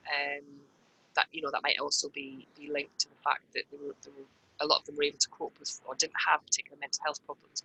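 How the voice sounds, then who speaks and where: A woman's voice: sits low, pushed and bright, slight background noise, low-quality recording. Woman with patchy, uneven mic volume. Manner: thoughtful, many restarts and fillers. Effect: mic audio dropping in and out, uneven volume. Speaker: researcher presenting at a seminar. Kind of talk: academic presentation and Q&A.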